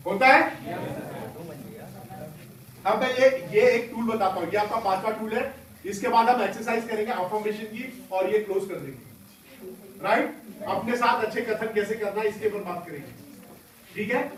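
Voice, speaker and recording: A hoarse man leading a school workshop, quizzing pupils with call-and-response questions in a classroom. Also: high voice, far from the mic. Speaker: workshop trainer. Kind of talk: classroom talk to students. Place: large echoing school classroom. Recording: echoey classroom taped from afar, student chatter. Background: students murmuring.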